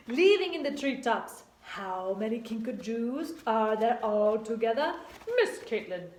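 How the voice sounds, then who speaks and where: Casting: hammy, upbeat explorer-man puppet with an overdone Italian accent, squeaky and high, as a teacher puts him on, roomy echo. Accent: put-on Italian accent. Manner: high, bouncy, theatrical delivery. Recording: echoey room.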